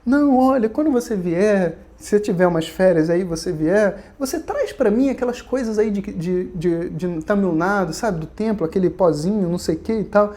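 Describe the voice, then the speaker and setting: A man's voice: high voice, animated, normal speed, few pauses, warm tone. A man voicing a doting mother who rambles and searches for words. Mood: fussy. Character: fussy doting middle-aged mother.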